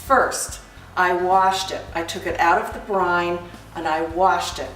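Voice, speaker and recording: A woman hosting a cooking demonstration, explaining each step in a chatty, unhurried way. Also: lowish voice, fairly even intonation, fairly bright tone, recorded from a distance. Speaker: cooking host. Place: kitchen. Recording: echoey kitchen, from afar, light music.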